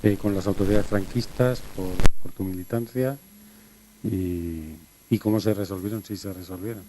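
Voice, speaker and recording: A man's voice: low voice, fairly even intonation, normal speed, warm tone, slight background noise, low-quality recording. A man moderating a panel discussion, asking a question and rephrasing it as he goes. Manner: rambling, rephrasing his question.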